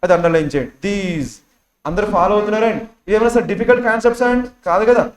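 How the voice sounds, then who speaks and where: A man's voice: high-pitched, rapid-fire. A man with a Telugu accent teaching English for an exam, quizzing his class with constant questions and repeating key words. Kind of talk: classroom lecture explaining test questions. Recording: echoey classroom sound.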